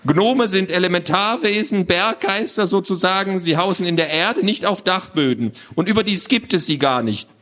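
A man's voice: sits high, moderate pace, few pauses, fairly bright tone, voice pushed up. A man voicing a small, fussy know-it-all creature with a squawking, nasal voice and pedantic corrections. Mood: pedantic, indignant.

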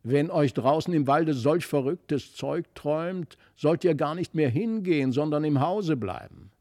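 A man's voice: a little high, animated, a little slow, a little mellow, no echo, studio quality. A man voicing a stern noble mother in a storybook reading, scolding firmly.

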